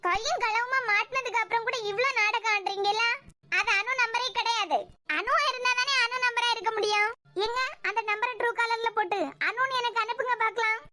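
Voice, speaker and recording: A woman plays a firm young woman in a cartoon, speaking in a Kanyakumari Tamil accent. The voice is very high and fast. She is curt and defiant throughout. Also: fairly even intonation. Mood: cold. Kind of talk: cartoon web series voicing.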